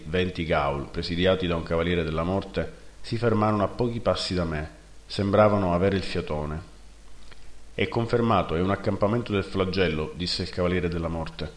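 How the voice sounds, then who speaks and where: A man narrating a first-person fantasy story in a steady, measured reading, in a roomy recording. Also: sits low. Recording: roomy echo.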